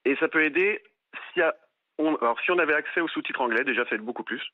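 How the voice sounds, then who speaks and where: A man's voice: on the high side, quick pace, no room sound. A man calling in to a radio talk show, chatting frankly with some hesitant fillers. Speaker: caller. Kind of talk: casual phone-in chat. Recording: tinny phone line.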